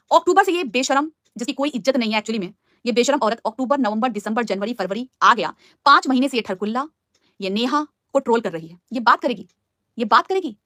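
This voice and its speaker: A young adult woman on a live stream who talks fast and angrily, scolding and mocking the people she is fighting with. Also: high voice, pushed and bright, dry recording, clean studio sound. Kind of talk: heated live-stream rant.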